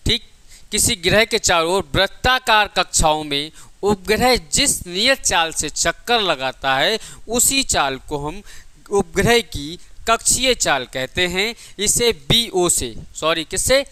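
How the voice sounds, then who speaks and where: A physics teacher gives an exam coaching lecture, working through derivations, repeating key points, and asking questions he answers himself, while affectionately calling his students "child." His high-sitting voice is animated, bright, and forceful yet unhurried, and the sound is clean with no echo.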